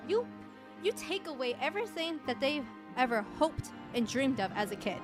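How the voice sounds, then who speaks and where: A woman streamer hosting a casual year-end awards stream, chatting with a fairly high, lively voice. She laughs often between lines, with faint music playing behind her. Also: moderate pace.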